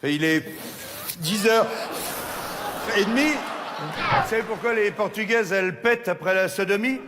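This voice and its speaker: A man's voice: high-pitched, a little slow, heavy background noise. A man telling crude jokes on stage with punchy delivery, recorded with a long hall reverb. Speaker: stand-up comedian.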